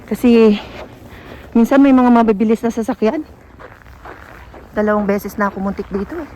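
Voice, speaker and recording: A woman's voice: on the high side, moderate pace, mellow, slight background noise, low-quality recording. Chatty woman vlogging on a snowy walk. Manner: chatty, gives friendly tips to viewers. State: out of breath while walking. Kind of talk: casual vlog narration. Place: outdoors in winter snow, walking.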